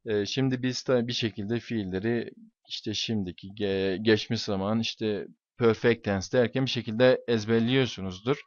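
A man's voice: fairly low pitch, steady tone, normal speed, no room sound, dull audio. A man teaching English to his students, explaining exam questions and stressing points by repeating key words.

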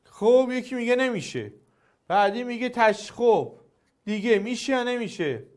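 A male teacher giving a classroom grammar lesson, coaxing and quizzing his students in a lively way. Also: extremely high pitch.

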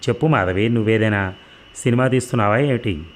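Male reader doing a breezy actress in a novel reading, lighthearted, low-pitched. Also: fast talker, slight background noise, close to an everyday voice. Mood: teasing. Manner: light, laughing. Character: cheerful woman, busy film actress.

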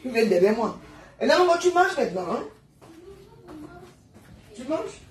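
A woman, hosting a heated live stream and scolding her viewers with rapid rhetorical questions. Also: on the high side, big pitch swings, reverberant.

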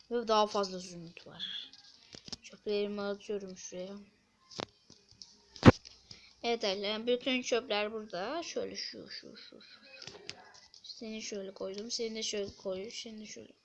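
A woman's voice: mid-range voice, moderate pace, long pauses, background noise. A woman casually commentating her gameplay, talking to viewers with muttered asides. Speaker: gameplay video host.

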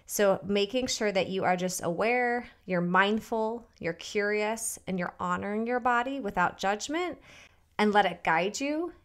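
A woman's voice: mid-range voice, a little slow. A woman co-hosting a podcast who tells a short story and wraps up the episode in a friendly way. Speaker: podcast co-host. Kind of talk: casual chat, wrapping up an episode.

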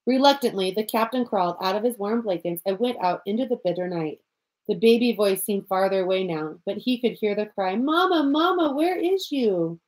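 A woman narrating a storybook in a measured, expressive amateur reading. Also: mid-range voice, poor audio. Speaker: audiobook reader.

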